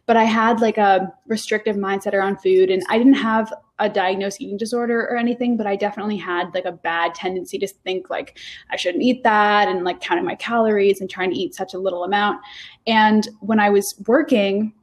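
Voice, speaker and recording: Her voice is medium in pitch and steady, moving a little fast. She's an interview guest in her early twenties from Rhode Island, recounting her story in loose, rambling talk packed with fillers and false starts.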